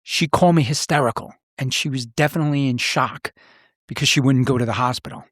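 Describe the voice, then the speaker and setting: A brisk, fairly bright medium-pitched voice belongs to a middle-aged man who hosts a podcast and once served as a police officer. He tells personal stories in conversation, seriously, plainly and reflectively. The recording is studio quality with no room sound.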